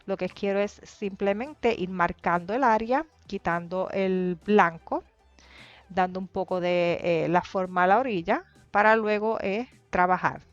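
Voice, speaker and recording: A woman narrating a painting tutorial in a calm, explanatory way, pausing often with hesitations as she describes each step. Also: medium pitch, no echo. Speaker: painting teacher. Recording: dry, dull lo-fi voice-over with faint music.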